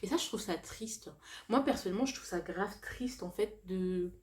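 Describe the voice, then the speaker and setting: Young woman chatting candidly, with a lisp. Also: medium pitch. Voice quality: lisp, slushy s sounds. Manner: animated, halting and self-correcting, with slangy asides and bits of English. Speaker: vlogger. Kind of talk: casual, confessional chat to viewers.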